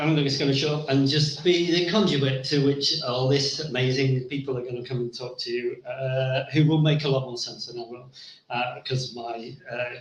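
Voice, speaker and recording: A man's voice: fairly high pitch, a bit bright. A man, casually introducing speakers as compere in a joking, self-deprecating, rambling way. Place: indoor venue at a live event. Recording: echoey live event room.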